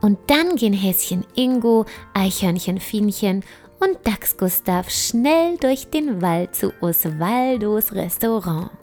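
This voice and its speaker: Slow gentle storybook narrator woman. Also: medium pitch, expressive. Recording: soft music underneath.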